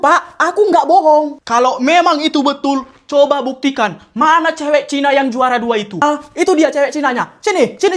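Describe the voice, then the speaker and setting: A woman playing every part in a comedy sketch, switching quickly between character voices. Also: sits high.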